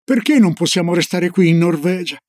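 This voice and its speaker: A man's voice: a little fast, a little mellow, no room sound, studio quality, close to an everyday voice. A man doing an anxious young boy. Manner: higher, eager, pleading questions.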